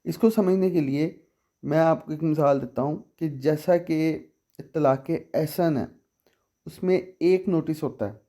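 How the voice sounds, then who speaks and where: A man gives a law lesson in a slow, deliberate way. His voice sits a little high and sounds mellow. He reads each statute clause carefully, then explains it and asks the listener what it means. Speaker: legal explainer.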